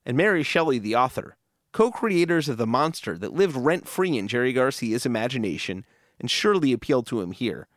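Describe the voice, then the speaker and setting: Lively man narrating, dry studio sound. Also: mid-range voice, a little fast, no room sound. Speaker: podcast narrator and host. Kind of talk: scripted documentary narration.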